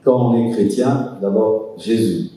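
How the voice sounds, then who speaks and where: Earnest and sermon-like, a pastor responds to couples' questions, using pointed pauses to drive his advice home. His voice is low and very dark, captured from far off in an echoey hall with a faint hiss.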